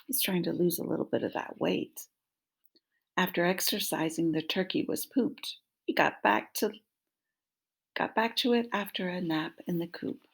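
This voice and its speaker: A woman in her fifties reads a picture book aloud to young children, prompting them with questions, recorded at home in a small room on a laptop mic at arm's length. Her voice is fairly low and gravelly with a breathy edge, fairly even intonation, and a moderate pace.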